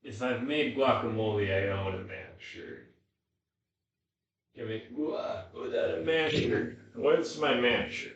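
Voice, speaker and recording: A man's voice: medium pitch, slow, gravelly, a bit bright, muffled recording, slight background noise. A man talking casually to himself as he cooks at home, sweary and slangy, in an exasperated mutter. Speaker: home cook vlogger. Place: indoors in a home kitchen. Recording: echoey room, distant microphone.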